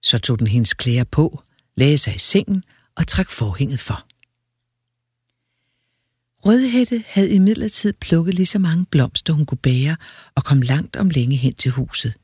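A man reads a fairy tale aloud like a lively, expressive storyteller, his voice very breathy and a little high, with long pauses. The recording is close and dry, with no room sound.

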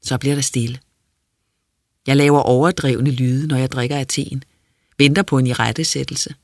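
An audiobook reader giving quiet, measured, introspective first-person narration. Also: medium pitch, steady tone, no room sound, studio quality.

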